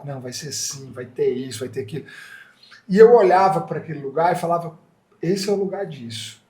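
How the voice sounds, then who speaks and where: A man with a Brazilian Portuguese accent, an entrepreneur telling a story in a casual interview and acting out the dialogue. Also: sits high. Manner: animated, acts out dialogue in quoted voices. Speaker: franchise entrepreneur guest.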